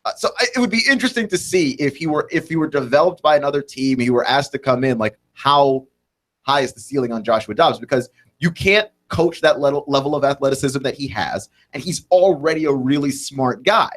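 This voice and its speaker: A young man in his twenties talks through football topics on a radio show. He rambles and restarts often, tagging his points with quick asides as he works out his opinions live. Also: medium pitch, animated. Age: 20s. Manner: rambling, thinks aloud with many restarts and "like, right?" tags. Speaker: sports radio host. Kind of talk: solo sports talk radio monologue.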